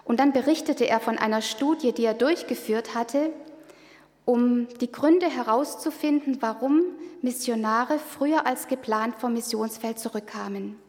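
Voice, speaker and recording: A woman presenting in a church service, addressing the congregation in a calm, earnest, explaining way. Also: fairly high pitch, a little slow. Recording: long reverb of a hall.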